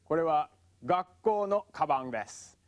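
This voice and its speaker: A man narrating a scripted language lesson, sounding out words slowly and carefully. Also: a little high, expressive. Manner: slow, careful pronunciation drills. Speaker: language teacher.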